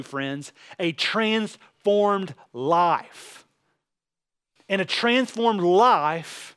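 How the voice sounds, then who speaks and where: A male preacher speaks in a rather high voice for a man. He addresses listeners earnestly and directly, building his sermon with repetition and rhetorical questions. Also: fairly bright tone. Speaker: pastor preaching.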